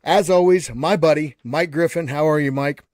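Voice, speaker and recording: A man's voice: on the high side, normal speed, darkish tone, no echo, clean studio sound. A man hosting a live online panel in a casual, folksy way, calling everyone buddy and often restarting his words. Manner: frequent restarts and repeated words. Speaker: host of a live panel show.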